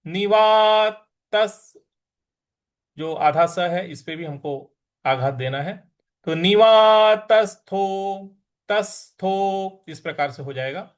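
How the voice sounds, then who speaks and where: A man teaching Sanskrit verse recitation, chanting lines slowly and then explaining pronunciation quickly. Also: high-pitched, smooth. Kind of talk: recitation lesson.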